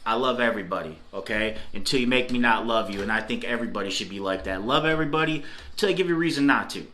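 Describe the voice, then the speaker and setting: A man's voice: mid-range voice, quick pace, bright, forceful tone, a little hiss or hum. A middle-aged man from Cleveland, Ohio telling a bar story in a casual, chatty way, often laughing and checking in with "okay?". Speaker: food reviewer telling a story.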